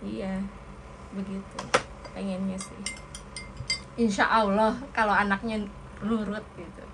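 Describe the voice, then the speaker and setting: A woman from Indonesia speaks frankly in a relaxed chat, pausing often with fillers. Her pitch sits in the middle range. The recording carries clear background noise. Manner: frank, hesitant, many fillers. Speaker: interviewee, domestic worker. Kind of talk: casual chat. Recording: noisy room recording.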